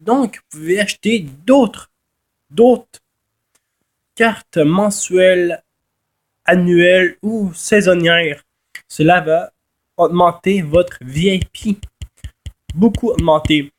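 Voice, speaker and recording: Slow, high-voiced, congested Québécois man. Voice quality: nasal from a blocked nose. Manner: halting, repeats and corrects himself. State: congested with a head cold. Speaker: gaming video host. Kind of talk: casual unscripted game tutorial.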